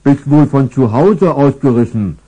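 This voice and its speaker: A man's voice: mid-range voice, lively intonation, mellow, breathy edge, voice pushed up. A male narrator voicing a fat, brown, gloomy teddy bear who grumbles and says little. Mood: grumbly, forlorn. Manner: grumbling, slow and sparing with words. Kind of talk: storybook character voice. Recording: thin phone-like filtered sound.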